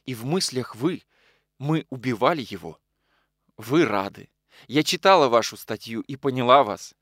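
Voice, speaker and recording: Figure: a grieving young woman, firm and sorrowful as a male reader voices her. Style: audiobook character reading, quiet and restrained. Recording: dry, close. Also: mid-range voice, expressive, normal speed, dry recording, lightly acted. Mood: grave.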